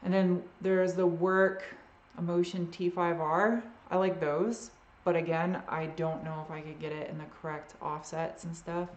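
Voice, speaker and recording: A woman's voice: fairly low pitch, level tone, measured pace, darkish tone, reverberant, highs cut off. A woman with a trace of a Boston accent hosting a live Q&A, chatting casually and trailing off often as she answers viewer questions. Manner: rambling and unsure, often trailing off.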